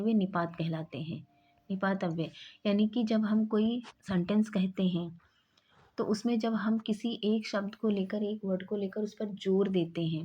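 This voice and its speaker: A woman with a medium-pitched, dark and slightly rough voice teaches an exam-prep grammar lesson. She explains each term, then acts out short example sentences, stressing the key word, and the recording sounds slightly dull and muffled.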